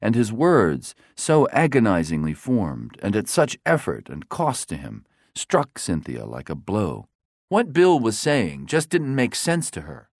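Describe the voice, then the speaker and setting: A man reading a dramatic story aloud as narrator, with a measured delivery that drops low on dialogue tags. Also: wildly swooping pitch, no echo, clean studio sound.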